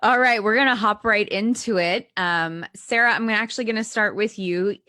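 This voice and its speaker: A woman's voice: medium pitch, normal speed, bright, forceful tone, no room sound, studio quality. Upbeat woman moderating a panel. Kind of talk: hosting an online panel.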